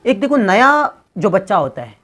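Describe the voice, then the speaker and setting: A man's voice: high-pitched, big pitch swings, moderate pace, a bit bright. Joking man teaching pronunciation. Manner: joking, teasing, addresses viewers as brother; mixes English phrases into his talk. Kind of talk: casual video lesson.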